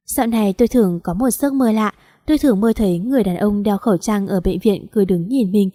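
Woman narrating a story, warm and dry. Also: mid-range voice, fast talker, dry recording. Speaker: audiobook narrator. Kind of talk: first-person story narration.

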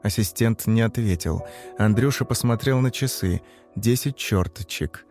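A man giving a scripted, grim, measured narration of a dark story. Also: on the low side. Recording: faint music under the voice.

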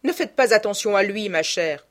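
A woman's voice: medium pitch, lively intonation, normal speed, natural voice. A woman voicing a fussy aristocratic aunt, indignant and exclaiming.

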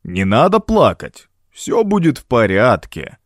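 A man's voice: medium pitch, big pitch swings, moderate pace, no echo, studio quality, lightly acted. A man voicing a big, commanding doctor who speaks in a firm, businesslike way. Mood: soothing. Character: big, commanding middle-aged male doctor, brisk.

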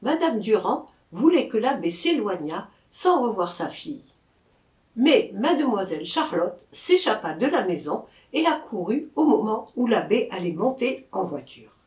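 A woman narrating a classic novel as an audiobook, in an expressive storytelling manner. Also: medium pitch, measured pace. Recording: echoey room.

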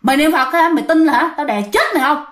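Woman putting on a shrill female ghost, menacing and taunting, very high-pitched, storybook horror. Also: fast talker, a bit bright, roomy sound. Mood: scolding. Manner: taunting, shrill, repeating jeers. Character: menacing middle-aged female ghost, mouth full of hair.

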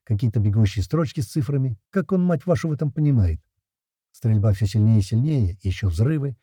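A man's voice: mid-range voice, animated, fairly quick, dark tone, slightly rough, dry recording, clean studio sound. A man narrating a first-person audiobook in a tense, gritty storytelling manner.

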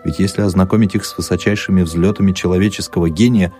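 A man narrating an audiobook in an expressive, dramatic storytelling manner. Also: low voice, fast talker, faint music behind.

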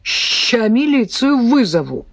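A woman's voice: on the high side, sing-song, slow, no room sound, voice pushed up, exaggerated voice. Woman doing a grumpy old man, squawky, drags every word, dry audiobook sound. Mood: querulous, indignant.

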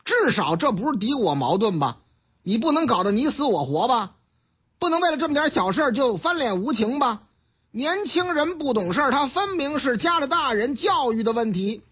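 A man with a strong Beijing accent tells the day's news like a street storyteller, slipping into the voices of the people in each tale. His pitch leaps up and down, and his voice has a husky edge. The broadcast sounds dull and lo-fi. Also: normal speed. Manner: lively, acts out the characters in the stories, colloquial. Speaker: radio commentator.

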